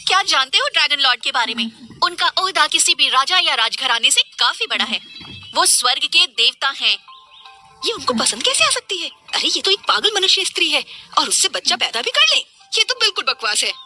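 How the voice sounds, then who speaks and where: A woman's voice: high-pitched, very animated, fairly quick, pushed and bright, soft background music, exaggerated voice. A woman dubbing a cruel, arrogant phoenix goddess who speaks with scorn and a commanding manner. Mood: scornful. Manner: scornful, imperious.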